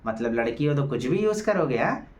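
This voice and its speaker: A man's voice: medium pitch, very animated, brisk. Male show reviewer, heated and mocking, talks to viewers, echoey room. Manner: heated, mocking, addresses viewers as guys and friends. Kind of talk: opinionated show review commentary.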